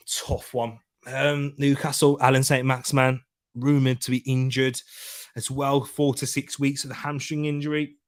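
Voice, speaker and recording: Reading viewer comments aloud and joking around with them, this football preview show host keeps his live stream loose and chatty. He speaks in a medium-pitched, somewhat bright voice.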